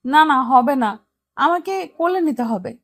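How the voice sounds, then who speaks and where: A woman plays a clingy young wife in a romantic audio drama, high-pitched and bossy. She teases and makes demands in a playful, everyday voice. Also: expressive, a little slow. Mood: demanding. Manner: demanding, teasing.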